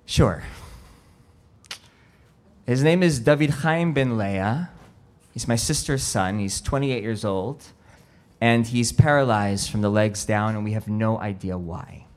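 A man in his thirties giving a sermon as a rabbi, telling a personal story in a slow, reflective way that drops quiet at emotional moments. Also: fairly low pitch.

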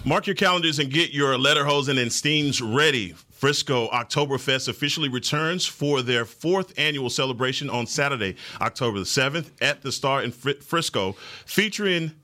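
A man's voice: medium pitch, normal speed, hardly any pauses, pushed and bright. A man doing casual banter and sponsor reads as a sports show panelist.

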